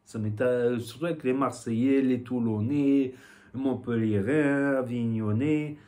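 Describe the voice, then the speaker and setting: A man's voice: mid-range voice, a little slow, mellow. A man with a southwestern French accent talking casually to the camera in a vlog, rambling with many fillers and a repeated "voilà". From southwest France. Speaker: YouTuber.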